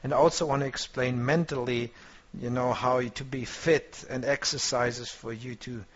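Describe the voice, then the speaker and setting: This online trading lecture comes from a man with a mid-range, steady voice at normal speed. He's motivational toward his students but often hunts for the right words; the audio quality is dull, lo-fi and compressed.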